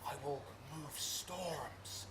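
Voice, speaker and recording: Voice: mid-range voice, extremely slow, a bit bright, slight background noise. A performer reading a boastful tradesman who wants to play every part, in a comic play reading. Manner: grandiose and theatrical. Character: boastful male weaver hungry for every part.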